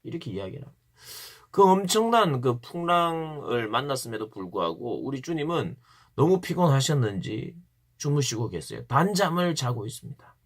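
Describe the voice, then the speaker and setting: A man's voice: medium pitch, big pitch swings, moderate pace. A man giving an earnest devotional Bible talk to teenagers as a youth pastor, stressing points by repeating key phrases.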